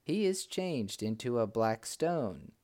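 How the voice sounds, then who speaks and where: A man's voice: mid-range voice, sing-song, slow, a little mellow. A man voicing a wise old male dervish who gives grave warnings.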